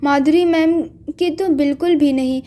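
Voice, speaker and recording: A woman storyteller voicing a quick-tempered young woman scolding a man. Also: high-pitched, fairly even intonation, mellow, lightly acted. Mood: angry. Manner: angry, scolding.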